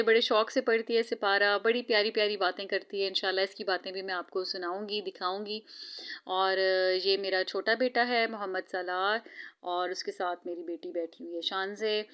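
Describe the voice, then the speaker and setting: A woman's voice: medium pitch, fairly bright tone. A woman in her thirties narrating her family's evening routine in a casual vlog, opening with devout greetings and talking chattily with frequent hesitations. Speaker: vlogger.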